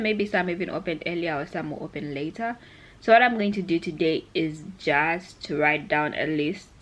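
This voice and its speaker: Talking to camera like a vlogger, a young woman from Zambia rambles in a chatty way, frequently doubling back on what she's said. Her voice is low with a fairly bright tone.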